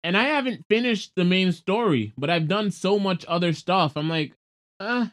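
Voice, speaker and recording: A man with a somewhat high voice leads a natural, unscripted podcast conversation. His phrasing is informal and loose, in the easy style of casual talk. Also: lively intonation, normal speed, fairly bright tone. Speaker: podcast co-host.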